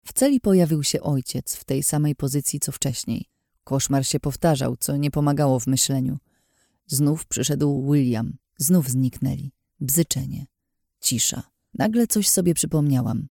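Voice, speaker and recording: A man's voice: mid-range voice, moderate pace, gravelly, dark tone, dry recording, studio quality. A man reading a fantasy audiobook aloud in the first person, with a tense, dramatic delivery. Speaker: audiobook narrator. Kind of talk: scripted audiobook narration.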